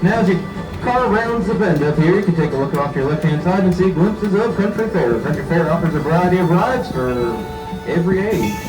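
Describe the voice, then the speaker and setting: A man working as a train conductor, giving folksy announcements to passengers over an outdoor loudspeaker. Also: sits high, expressive, a little fast. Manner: folksy, upbeat, addressing riders as folks. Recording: echoey loudspeaker heard from far off, music behind.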